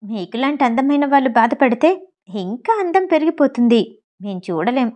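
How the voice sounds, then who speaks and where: Brief: a woman playing a breezy, joking young doctor in an audiobook, mellow voice. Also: high-pitched, animated, normal speed. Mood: reassuring, joking.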